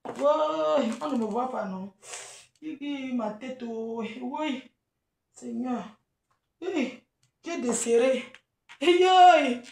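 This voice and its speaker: Combative woman, high and mocking, recorded off-mic in an echoey room. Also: slow, vocal fry, long pauses, a little mellow, distant mic. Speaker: event promoter. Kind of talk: live video rant.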